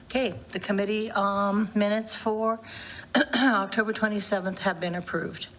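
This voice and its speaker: A woman chairing a public committee meeting, relaxed and chatty, with a voice she says she is losing. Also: mid-range voice, moderate pace, a little hiss or hum. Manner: warm, loose, laughs between remarks. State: losing her voice.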